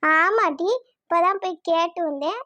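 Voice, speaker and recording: A voice actor playing a quick-tempered mother in a cartoon, scolding and exasperated. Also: very high voice, sharp tone, dry recording, dull audio, pitched below the performer's own voice, heavily acted. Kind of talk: cartoon voice acting.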